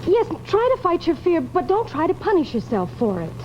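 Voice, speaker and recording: An actress playing a tender, concerned younger sister who pleads and reasons earnestly in 1950s television drama style. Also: female voice, very high voice, huge pitch swings, brisk, exaggerated voice. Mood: tender pleading. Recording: muffled, noisy old television soundtrack.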